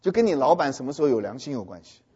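A man giving a humorous talk to an audience, animated and often stopping to ask whether his listeners have understood. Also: mid-range voice, rapid-fire, husky. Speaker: speaker addressing an audience. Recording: dull long-reverb hall recording.

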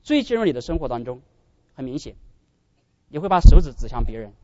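A man preaching a sermon as pastor, animated and often addressing his brothers and sisters. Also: mid-range voice, a little fast, lo-fi sound.

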